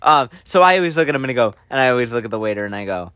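A man's voice: mid-range voice, very fast, clear, resonant tone, no room sound, clean studio sound. A young man casually telling a funny story and acting out the dialogue in voices. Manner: animated, acts out dialogue in voices.

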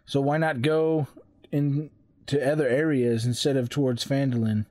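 A man's voice: medium pitch, steady tone, normal speed, warm tone, no echo, studio quality. A man playing a tabletop role-playing game, negotiating casually in character in his everyday voice.

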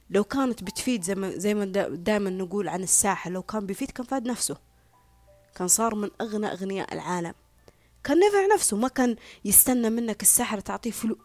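A woman's voice: medium pitch, darkish tone, no echo. Opinionated woman with a dry close sound. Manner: opinionated, sarcastic asides, drops to a whisper at times. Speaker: social media commentator. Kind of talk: casual monologue.

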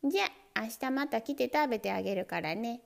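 A woman's voice: a little high, expressive, fairly quick, vocal fry. A woman voicing a cheeky, pompous little mouse that whines and complains. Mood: haughty. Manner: haughty, complaining, whining.

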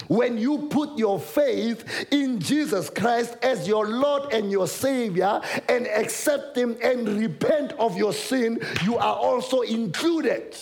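A South African man preaching a sermon in a high voice with a gravelly edge. He tells the story with energy and repeats words to drive the point home. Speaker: pastor.

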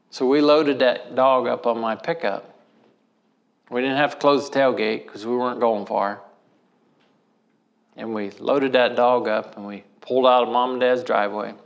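A man from Missouri gives a sermon as a folksy personal story. He speaks with a mid-range pitch and leans on rural turns of phrase. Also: vocal fry, muffled recording. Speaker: preacher.

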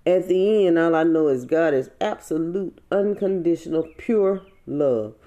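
A woman hosting a podcast, speaking a heartfelt spiritual monologue with slow, drawn-out phrasing. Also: lowish voice, warm tone. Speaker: podcast host.

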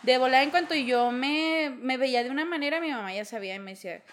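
A woman's voice: sits high, quick pace. A young woman with a Mexican Spanish accent, co-hosting a casual chat and telling candid, slangy stories about her family.

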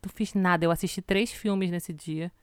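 A woman talking loosely and at length in casual conversation, stringing thoughts together with filler words. Her voice is smooth and clear, with a dry, close sound and no room echo. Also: on the low side, fairly even intonation, normal speed. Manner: chatty, trailing filler words. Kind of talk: casual chat. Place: home in Canada.

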